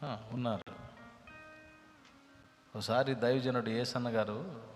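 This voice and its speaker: A man preaching a sermon. He tells stories dramatically and swings from hushed tones to loud ones. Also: mid-range voice, fairly even intonation, slow pace. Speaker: pastor. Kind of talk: sermon with storytelling. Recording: reverberant hall with music behind.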